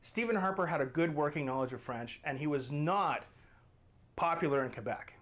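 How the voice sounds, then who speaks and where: Guy ranting his opinion on his channel, kinda high voice, pushy rhetorical questions. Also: expressive, moderate pace, a bit bright. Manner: emphatic, argumentative, with rhetorical questions. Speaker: channel host. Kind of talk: opinion vlog to camera.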